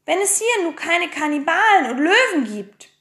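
A woman voicing a bold, cheeky girl adventurer with a hoarse voice in an audiobook reading. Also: very high-pitched, sing-song, normal speed, a bit bright, pitched above the performer's own voice, heavily acted. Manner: boastful, playful.

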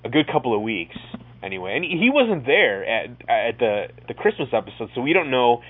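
A man chats as a podcast co-host in a loose, rambling style. His voice sits at a medium pitch. The sound is narrow and phone-like. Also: big pitch swings, a little fast, slightly rough. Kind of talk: casual TV episode discussion. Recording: thin, phone-like audio.

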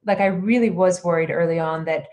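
A woman's voice: lowish voice, a little fast, a little mellow. Earnest woman candidate in an interview, grew up in greece, keeps saying you know and um. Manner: earnest, many fillers and restarts. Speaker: congressional candidate. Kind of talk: casual interview answers.

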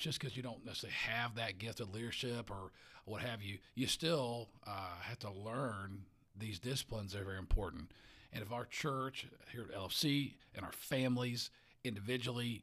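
A male pastor speaks in a relaxed podcast chat, his pitch sitting in an ordinary middle range. He is earnest and often trips over himself, repeating words before pushing on with his point. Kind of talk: casual podcast conversation.

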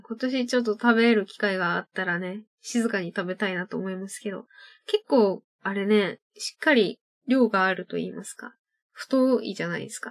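A young woman hosting her own internet radio show, chatting casually and laughing at her own tongue-twister slips. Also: mid-range voice. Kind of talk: casual solo radio talk.

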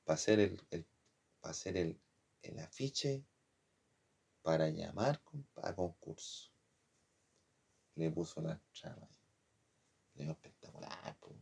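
Man, Chilean accent, very low voice, heavy vocal fry, rambling slangy storytelling. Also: animated, slow pace, pauses often, a little mellow. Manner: rambling, slangy, keeps addressing the listener as "compadre". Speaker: former design student. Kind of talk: casual personal storytelling.

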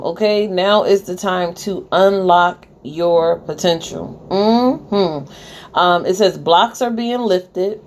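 A woman's voice: lowish voice, a little mellow. A woman giving a casual spiritual reading like a life coach, encouraging and directive, with sassy informal phrasing and repetition for emphasis. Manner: informal, sassy slang with check-in tags. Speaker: spiritual card reader giving guidance to viewers. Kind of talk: casual intuitive reading, life-coach style motivational advice.

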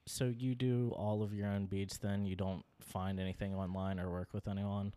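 A man's voice: fairly low pitch, little pitch movement, normal speed, dark tone, clear, resonant tone. A man hosting a podcast, reading the intro and asking easygoing, conversational questions. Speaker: podcast host.

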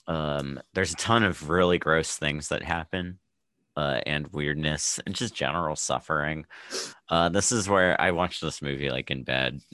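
A man's voice: very deep voice, unhurried, bright, forceful tone, no room sound. A man co-hosting a podcast, talking in a laid-back way full of fillers and trailing thoughts. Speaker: podcast co-host. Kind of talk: casual chat.

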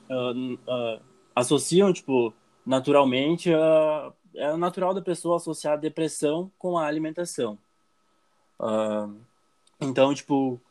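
A man's voice: mid-range voice, a little mellow. A young Brazilian man answering interview questions casually, with many fillers and restarts. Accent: Brazilian Portuguese. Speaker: guest.

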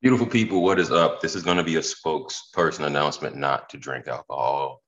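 A man's voice: extremely low pitch, quick pace, fairly bright tone, highs cut off. A hungover man hosting a podcast in loose, slangy, profane, rambling casual chat. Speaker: podcast host.

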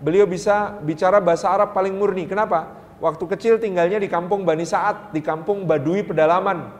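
High-voiced lively preacher. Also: male voice, a little fast, long reverb tail. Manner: lively, playful, mimics dialects, casual Javanese asides. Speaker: Islamic preacher. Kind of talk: sermon.

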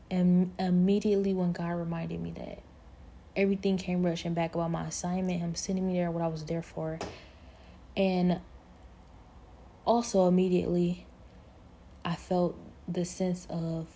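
A woman's voice: lowish voice, little pitch movement, normal speed, pauses often, mellow. A woman telling a personal faith story in an earnest, reflective way, leaning on fillers like "like" and "you know".

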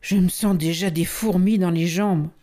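A woman's voice: fairly low pitch, fairly even intonation, moderate pace, dark tone, natural voice. A woman voicing a cheeky, freedom-loving boy in a storybook, defiant and offhand.

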